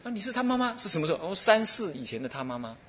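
A man's voice: high voice, very fast, slight background noise. A middle-aged man with a Taiwanese Mandarin accent, a Buddhist abbot giving a dharma talk full of stories, laughing and acting out the dialogue. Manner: animated storyteller who laughs and acts out dialogue.

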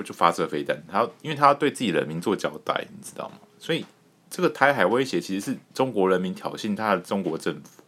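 Animated low-voiced man ranting. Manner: animated, rambling, emphatic, swears casually. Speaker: podcast host. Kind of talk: casual political commentary.

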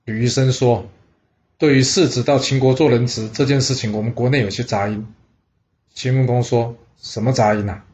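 A man's voice: mid-range voice, steady tone, normal speed, a little mellow. A man telling an old historical tale in a chatty, casual way, talking straight to the listener and briefly voicing the people in the story. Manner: chatty, asides to the listener, exclaims "哇". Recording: dull lo-fi recording.

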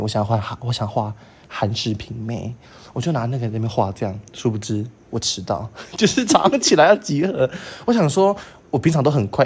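Podcast co-host, young man, Taiwanese Mandarin accent, theatrical and campy, voices the other people in his stories. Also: mid-range voice. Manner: campy and animated, acts out quoted voices, laughs often. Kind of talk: casual storytelling chat.

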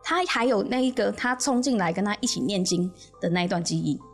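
Taiwanese woman on a chatty podcast, telling a creepy story all animated, laughing a bit, mid pitch, faint music under it. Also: a little fast. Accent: Taiwanese Mandarin. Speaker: podcast host. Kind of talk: casual storytelling.

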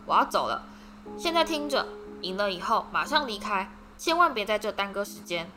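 A woman's voice: medium pitch, very animated, normal speed, close to an everyday voice. A woman voicing a bold boy giving orders. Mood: urgent. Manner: urgent, directing others. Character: brave boy wizard, young, bold and commanding. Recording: background music.

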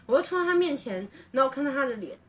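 Fast-talking woman telling a story. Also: high-pitched, animated, fairly bright tone, distant mic. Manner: earnest, rambling with restarts. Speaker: podcast co-host. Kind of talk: casual personal storytelling.

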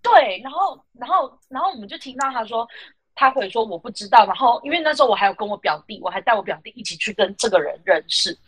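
Animated, indignant woman telling a story. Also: a little high, quick pace, breathy edge, no echo, low-quality recording. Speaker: podcast host. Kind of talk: casual podcast chat.

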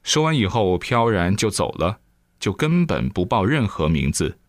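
Male preacher, lively storyteller, exclamatory, lowish voice, dry sound. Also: moderate pace, dry recording. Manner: animated storyteller with frequent exclamations. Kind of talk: storytelling dharma talk.

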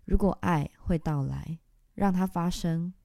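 A woman giving a dramatic reading of a stage text, in short broken phrases and long run-on lists. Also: creaky. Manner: intense, halting delivery in short broken phrases; long breathless list, spoken low and soft.

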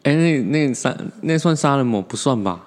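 A man's voice: mid-range voice, lively intonation, moderate pace. A man chatting casually on a podcast, joking and teasing his co-host and slipping into Hokkien.

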